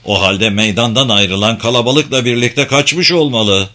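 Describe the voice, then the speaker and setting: A man reading a scheming male consul in an audiobook, curt and deliberate. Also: mid-range voice, sharp tone, lightly acted.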